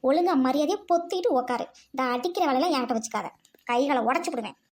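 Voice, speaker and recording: A woman voicing a shrill, fast-scolding cartoon housewife. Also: lively intonation. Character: shrill fed-up housewife who fights back. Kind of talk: cartoon voice acting.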